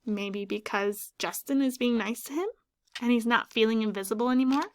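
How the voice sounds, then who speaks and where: Her voice a little high, a teacher shares a children's picture book aloud, breaking off at points to ask her audience questions about the tale.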